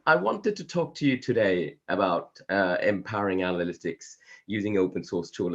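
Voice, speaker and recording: A man with a cold and a croaky voice, presenting a conference talk over a video call in a measured, hesitant way. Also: fairly low pitch, fairly bright tone. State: hoarse from a cold. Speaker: conference speaker. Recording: dull lo-fi video call audio.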